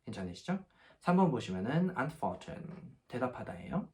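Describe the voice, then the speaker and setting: A man teaching a language lesson from a textbook, patiently explaining step by step and slowing down to spell out example phrases. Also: medium pitch, sing-song, warm tone.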